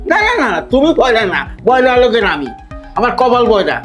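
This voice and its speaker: Guy doing a fed-up grumbling father-in-law, quick and up and down. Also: very high voice, big pitch swings, a bit bright, soft background music, heavily acted. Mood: exasperated. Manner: exasperated, complaining. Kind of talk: comedy short film acting.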